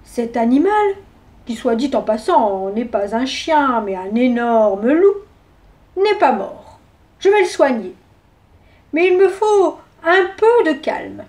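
A woman doing a calm, lowered doctor. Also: exaggerated voice. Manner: soothing and measured. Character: calm, measured male doctor.

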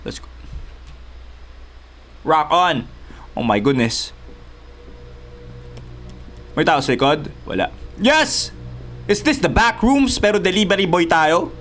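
A man doing let's play commentary, excitable, yelping and shouting in panic, mixing Tagalog and English. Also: on the high side, takes it slowly, long pauses, slight background noise. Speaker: gaming YouTuber.

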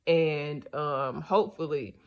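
A woman's voice: low voice, slow pace, lo-fi sound. A woman podcast host giving a casual, rambling monologue, blunt and profane, sleepy and yawning.

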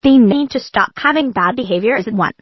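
A stern mother who scolds her misbehaving daughter, voiced by a female synthetic voice. The voice sits a little high and sounds breathy. It comes across dry and slightly dull, like a lo-fi recording. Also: expressive, fairly quick, no room sound.

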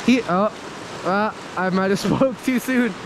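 Chill hiking guy talking to his dog, higher voice, slow easy pace, loud rushing creek behind. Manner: chatty, laid-back, talks to his dog. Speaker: hiking vlogger. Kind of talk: casual outdoor vlog narration. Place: outdoors by a rushing creek in pine woods. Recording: outdoor recording with loud creek noise. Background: rushing creek water.

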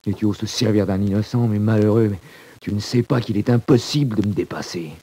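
A hardened convict in an old radio drama, with a very low, dark and husky voice. He speaks gravely and bitterly, brooding on his fate. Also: a little fast, dry recording. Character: hardened male convict, proud and weary. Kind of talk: 1940s radio drama acting.

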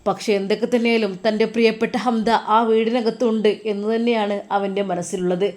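A woman's voice: fairly high pitch, fairly even intonation, brisk, darkish tone. A woman narrating a moral story in an emotive, earnest storytelling manner.

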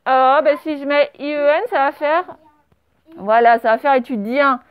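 A woman's voice: high-pitched, moderate pace, no room sound. A woman teaching a primary school dictation, breaking words into syllables and spelling them letter by letter. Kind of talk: classroom dictation lesson. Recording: slightly dull lo-fi recording.

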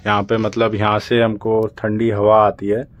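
A young man from India with a fairly low voice walks through his cramped ship cabin, filming on a handheld phone. He explains each item patiently, step by step, in a casual vlog manner. The small indoor room is close around him. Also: monotone, a little slow, highs cut off. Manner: explanatory, pointing things out step by step. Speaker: cruise ship crew member showing his cabin.

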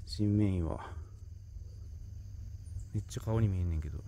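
A man's voice: low voice, normal speed, vocal fry, dark tone, a little hiss or hum. A man with a Kansai accent narrating his own hike in a casual travel vlog, chatty and full of exclamations as he talks to himself, filmed outdoors on a handheld phone. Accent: Kansai Japanese. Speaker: travel vlogger. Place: outdoors on a rocky hillside. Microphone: handheld smartphone.

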